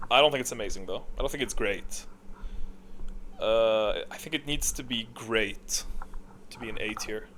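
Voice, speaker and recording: There's slight background noise as a man with a mid-range, fairly bright voice ranks game characters. A gamer and video creator, he gives casual, rambling commentary, thinking aloud and self-correcting.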